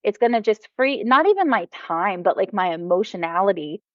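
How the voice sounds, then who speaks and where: An American mom and former teacher chats enthusiastically as a guest in a casual podcast conversation. Her medium-pitched voice is expressive and fairly quick. The recording is dry and muffled.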